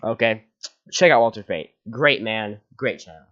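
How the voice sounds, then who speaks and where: A man with a fairly low voice reads online posts aloud for his channel. He stops now and then for dry, sarcastic asides. The recording sounds dull and lo-fi. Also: lively intonation, normal speed. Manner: sarcastic asides between readings. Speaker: channel host.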